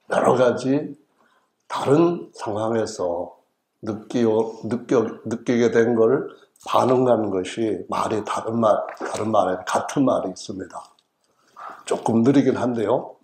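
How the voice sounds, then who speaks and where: Middle-aged Korean man from the central region, pastor; humorous, folksy sermon delivery, lowish voice, church echo. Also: a little mellow. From Chungcheong region, South Korea. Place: church sanctuary.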